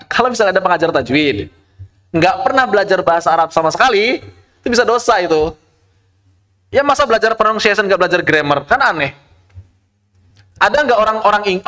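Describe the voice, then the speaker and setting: A man teaching an online tajwid lesson. He explains with rhetorical questions and recites Arabic verse slowly. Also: sits high, sharp tone. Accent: Indonesian.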